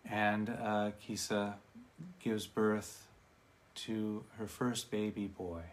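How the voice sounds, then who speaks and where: A man giving a dharma talk, retelling a parable in a conversational way with relaxed asides to his listeners. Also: fairly low pitch, drawn-out words.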